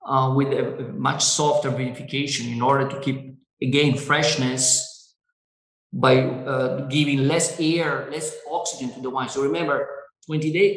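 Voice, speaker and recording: A man, a winery owner whose first language is Italian, speaking on a video call in halting English with many fillers and restarts. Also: medium pitch, fairly bright tone, echoey room, low-quality recording. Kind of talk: Zoom wine tasting interview.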